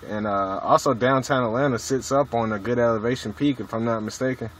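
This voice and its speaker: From inside a vehicle at a truck stop, a CB radio enthusiast records his casual radio chat, packed with slang, jargon and cursing. His voice is mid-range and steady, a little fast, and the mobile audio is noisy.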